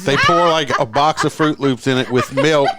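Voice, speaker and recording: A man's voice: mid-range voice, moderate pace, very noisy. A man with a Southern US accent, a podcast guest who gleefully describes gross videos to shock people. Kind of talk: casual crude group chat. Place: small podcast studio with several people. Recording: loud crowd of voices in the room.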